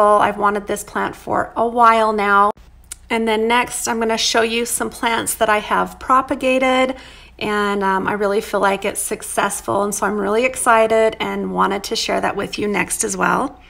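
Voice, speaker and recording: A woman's voice: medium pitch, steady tone, moderate pace, vocal fry, fairly bright tone. A woman in her thirties narrating a casual home vlog, chatty and upbeat with frequent ums. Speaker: vlogger.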